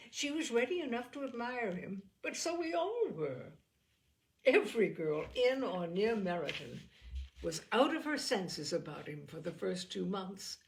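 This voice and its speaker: Reflective and candid in mood, a woman at medium pitch portrays a young Regency lady out of a classic novel. She's earnest, outspoken and quick to bristle, her formal lines punched with animated emphasis, though the audio quality is poor.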